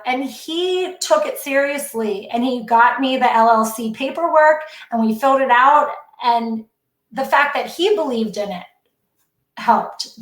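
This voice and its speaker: Guest spot: an earnest, excitable woman with a high voice, roomy echo. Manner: earnest, excitable, tearful at times. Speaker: guest educator. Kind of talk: emotional personal story on a podcast.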